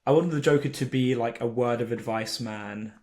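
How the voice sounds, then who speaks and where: A man's voice: medium pitch, moderate pace, a little mellow. Enthusiastic man talking films. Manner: enthusiastic, emphatic, swears. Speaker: film podcast co-host. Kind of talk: casual film discussion.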